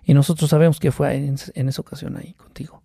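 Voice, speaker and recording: A Mexican man tells his stories with lively energy, jumping up in pitch whenever he acts out what someone said. His voice is mellow and the sound is dry and close. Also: fast, vocal fry, husky, no echo. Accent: Mexican Spanish. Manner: animated storyteller who acts out quotes with sound effects. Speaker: guest, UFO contactee. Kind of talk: casual storytelling interview.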